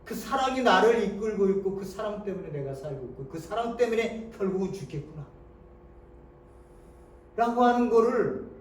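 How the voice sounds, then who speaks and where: A male pastor preaching a sermon, moving between hushed tones and loud rhetorical questions. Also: high voice, animated, moderate pace, slight background noise. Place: church sanctuary. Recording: echoey church hall, mic from a distance.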